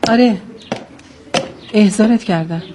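Woman acting an inquisitive, brisk village woman. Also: medium pitch, heavy background noise, close to an everyday voice.

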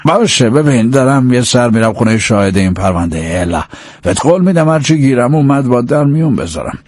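A man's voice: mid-range voice, sing-song, a little mellow, no room sound, studio quality. A man voicing a male detective who speaks with urgent insistence in an audiobook. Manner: pleading, insistent. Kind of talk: audiobook character voice.

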